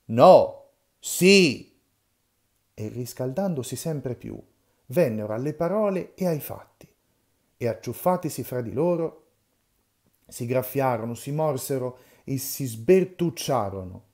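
A man with a mid-range, dark-toned voice reads the opening chapter of a classic children's novel aloud like a storyteller, expressive and a little slow, turning dramatic during the quarrels.

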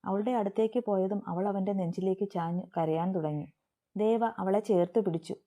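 Malayali lady narrating a story, really dark mellow voice, even and steady. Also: mid-range voice, brisk. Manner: reads all parts in one steady voice.

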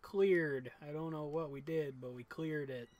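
A man's voice: on the high side, a little slow, a little mellow, no echo. A young man casually chatting and joking while playing a video game with a friend. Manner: laid-back, joking banter while playing. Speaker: let's play co-host. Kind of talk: casual gameplay chat.

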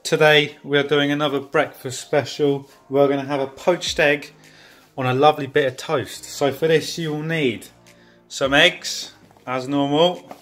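A young man cooks in his home kitchen and films himself on a handheld phone, chatting, joking, and wandering into rambling asides for his casual cooking vlog. His voice is a little high and a bit bright, with little pitch movement and an unhurried pace, and faint music plays behind him.

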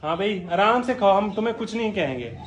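Man, vlog host, fairly high voice, excitable and playful, chats to the animals. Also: brisk, a little hiss or hum. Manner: excited, laughing, talks to the animal. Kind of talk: casual pet vlog chat.

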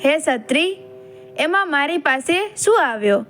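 A woman's voice: animated, a little slow, a bit bright, slight background noise. A woman voicing a thundering male sun god who speaks from a temple dome in a storybook tale. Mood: commanding. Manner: booming commanding.

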